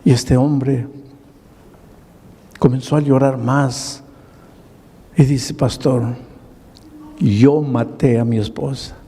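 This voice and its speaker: Male pastor, slow and mellow, dramatic sermon storytelling, big reverberant hall. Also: mid-range voice, fairly even intonation, breathy edge. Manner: slow, dramatic retelling with quoted dialogue. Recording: long reverb of a large hall.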